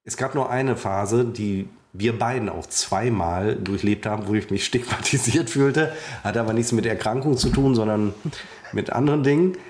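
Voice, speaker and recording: A man's voice: fairly low pitch, moderate pace, a little mellow. A man co-hosting a podcast, blocked up after Covid, with teasing, mock-indignant banter. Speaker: podcast co-host.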